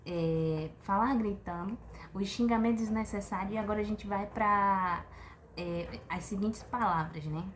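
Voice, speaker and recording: A woman giving a casual opinion monologue to camera, chatty and animated, full of rhetorical questions and exasperated sighs. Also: mid-range voice, measured pace, slight background noise. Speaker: vlogger. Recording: echoey room with faint ambience.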